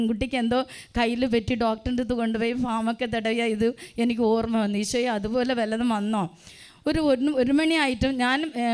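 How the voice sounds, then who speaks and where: A woman in her sixties gives a spoken church testimony, telling it plainly and often pausing on "um" to retell her own prayers. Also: a little high, clean tone. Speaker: parishioner giving a testimony.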